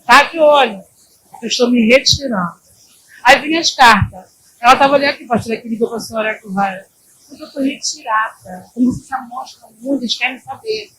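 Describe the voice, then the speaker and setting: A woman pastor from Brazil preaching a sermon in an animated way, moving between loud exhortation and quiet asides. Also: on the high side, brisk, slight background noise, rough recording. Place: church.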